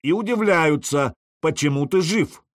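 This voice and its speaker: A bellowing, touchy Viking jarl, as a male narrator puts him on, raising his voice higher and louder than the storyteller's own. Dry, close audiobook sound. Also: measured pace, no echo, lightly acted. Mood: indignant. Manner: bellowing, indignant shouts. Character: hot-tempered balding male Viking jarl, roaring.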